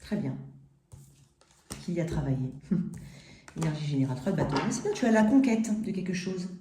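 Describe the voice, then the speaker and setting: A woman's voice: lowish voice, lively intonation, fairly quick, noisy background. A woman with a lisp on her s sounds, giving an informal tarot reading and speaking directly and intimately to the listener. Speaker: tarot reader, host. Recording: roomy, echoing sound.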